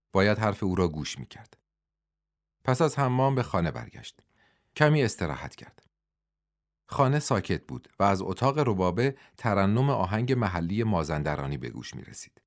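Expressive male audiobook narrator. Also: lowish voice.

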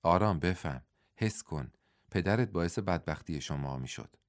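A man's voice: deep voice, animated, dry recording, clean studio sound. A man reading the part of a wounded, weary young man in a storybook, speaking in a tired, subdued way.

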